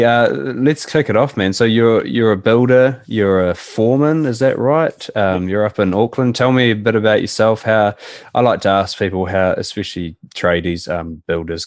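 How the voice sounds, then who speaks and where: A man's voice: on the low side, no echo, studio quality. A man with a broad New Zealand accent hosting a casual podcast interview in a matey, informal way. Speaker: podcast host.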